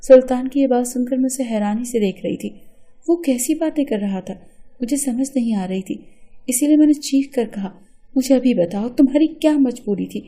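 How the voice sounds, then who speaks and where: A woman's voice: high-pitched, mellow. A woman narrating an emotional first-person story in an earnest storytelling manner.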